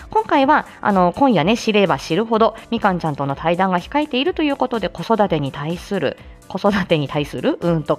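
A woman with a mid-range voice hosts a live morning audio show. She chats casually and reads out announcements in a bubbly way that moves between cute and polite.

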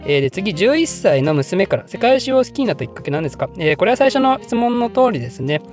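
Casting: quick-talking male host, high and very lively, voice edited a touch higher, rambling and self-deprecating, faint music behind. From Japan. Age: adult, working. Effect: voice pitched up slightly in editing. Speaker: history channel host answering viewer questions. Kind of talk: casual Q&A monologue.

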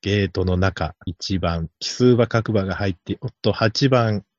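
A man's voice: fairly low pitch, a little slow, no room sound, voice pushed down. A man playing a male race announcer who keeps calling a gate delay in clipped, formal announcer phrases. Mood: announcing. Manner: formal announcer delivery in short clipped calls. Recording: slightly dull, dry lo-fi sound.

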